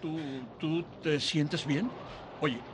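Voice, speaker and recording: An actor playing a blunt middle-aged male small-town policeman in a dubbed film, brusque and gruff. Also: a little high, extremely slow, a little hiss or hum. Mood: puzzled. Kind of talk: dubbed classic film dialogue.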